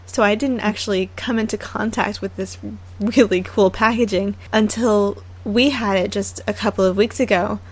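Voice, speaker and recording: A woman co-hosting a casual podcast chat, upbeat and quick to laugh and agree. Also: mid-range voice, fairly even intonation. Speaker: podcast co-host.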